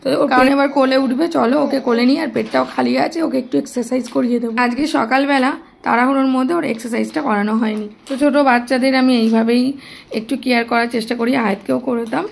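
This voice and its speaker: Talking rapid-fire in a gravelly, slightly high and steady voice, this young Bengali-accented woman vlogs from home about life as a mother of two. She's chatty but quiets down at times to avoid waking the baby.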